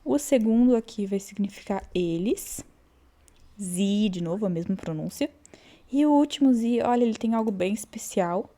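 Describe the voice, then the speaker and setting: Mellow-voiced woman teaching a language lesson. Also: mid-range voice. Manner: patient, repeats words slowly for learners to copy. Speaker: German teacher. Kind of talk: relaxed online language lesson.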